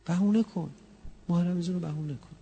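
A man preaching a religious sermon that rises into a chanted mourning lament, moving from soft, close talk to high, loud wailing. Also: gravelly, breathy edge. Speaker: preacher reciting a mourning recitation.

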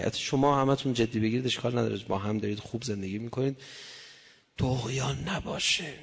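A man preaching a religious sermon, shifting between hushed murmurs and loud impassioned cries. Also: lowish voice, long reverb tail.

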